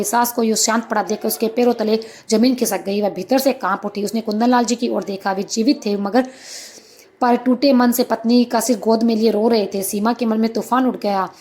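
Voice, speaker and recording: A woman storyteller giving a scripted narration of a moral story, in a steady, dramatic way. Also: fairly high pitch.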